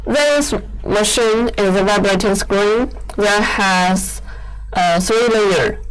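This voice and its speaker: A woman giving an explanatory product demonstration in halting, non-fluent English, often repeating words as she goes. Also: medium pitch, smooth, rough recording. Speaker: equipment company presenter giving a machine demo.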